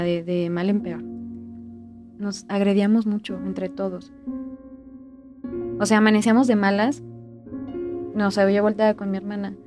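A woman with a Mexican accent recounting a personal ghost story, speaking softly and often trailing off into a quiet voice. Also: mid-range voice. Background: music.

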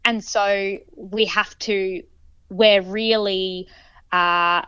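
A woman's voice: medium pitch, steady tone, drawn-out words, pushed and bright, clean tone, dry recording, muffled recording. A woman co-hosting a podcast in casual chat, telling stories earnestly and with energy. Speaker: podcast co-host.

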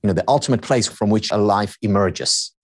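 The man speaks fairly quickly at a fairly low pitch. A Hebrew-native podcast guest who researches and teaches happiness, he offers explanatory interview talk in a lecturing manner, using repetition to build up each point.

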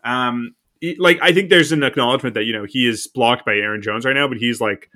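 A podcast co-host chats loosely about football, rambling with lots of fillers. His mid-range voice is brisk, bright and forceful.

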